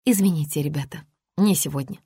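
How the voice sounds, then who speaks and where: A young woman with a curt, cutting delivery, read by a female narrator. The voice is low and dry. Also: a little fast, dark tone, slightly rough, no room sound. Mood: polite, tense. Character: young woman, wary and sharp-tongued.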